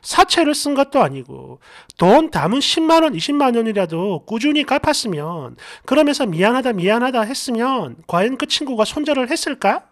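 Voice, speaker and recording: A middle-aged man hosting a story channel, reading viewer posts and comments aloud with sarcastic, lively reactions, recorded at a desk mic in a small room. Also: very high-pitched, brisk.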